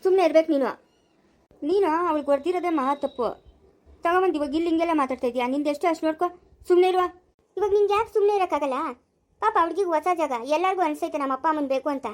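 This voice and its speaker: Woman performer: a firm mother-in-law in a family cartoon, fast-talking and high-pitched. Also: lightly acted. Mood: firm defending. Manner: firm, defensive. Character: protective middle-aged mother-in-law.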